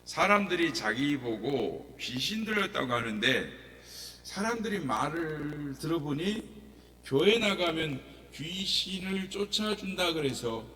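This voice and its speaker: A man's voice: on the high side, big pitch swings, measured pace, bright, forceful tone. A male pastor preaching a sermon in a church and telling stories dramatically, acting out the voices. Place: church sanctuary. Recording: echoey church hall, mic at a distance, faint hum.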